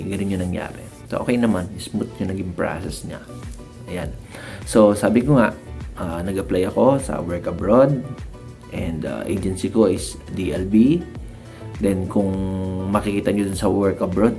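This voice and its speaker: A man's voice: low voice, warm tone. A man from the Philippines chatting casually to viewers about working abroad, acting out bits of dialogue. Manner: chatty, acts out dialogue in raised voices, frequent laughs. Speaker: vlogger sharing work-abroad experience.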